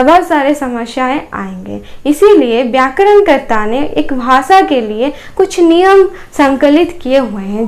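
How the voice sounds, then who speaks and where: Brief: Odia-accented woman teacher, high voice, unhurried grammar lesson. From Odisha, India. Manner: explanatory, with repeated examples and fillers.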